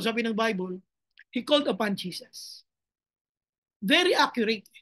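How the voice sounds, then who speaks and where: A high-pitched woman pastor delivering a sermon with passion. She moves between two languages and rises into dramatic pleading cries to God. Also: fairly bright tone.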